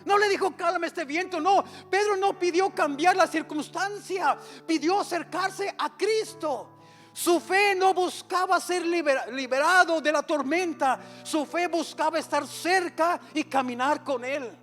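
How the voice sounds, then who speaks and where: A man's voice: extremely high pitch, a little slow, a bit bright, soft background music. A man, a pastor, preaching a sermon in church with impassioned delivery, often acting out prayers aloud.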